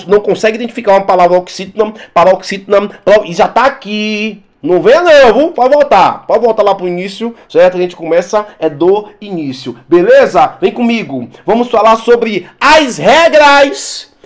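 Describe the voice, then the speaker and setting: A male teacher giving a lively exam-prep lesson, repeating words for emphasis and talking straight to his students. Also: high voice, a little fast, few pauses.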